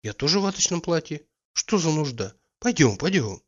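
A man's voice: a little high, moderate pace, voice pushed up. A man voicing a playful, teasing young woman in a read-aloud story. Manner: lively, teasing, carefree. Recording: dull lo-fi recording.

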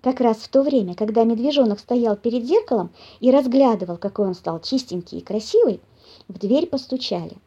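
A woman reading a children's storybook aloud in an expressive, animated way. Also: a little high, brisk, breathy edge. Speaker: narrator. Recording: dull lo-fi audio.

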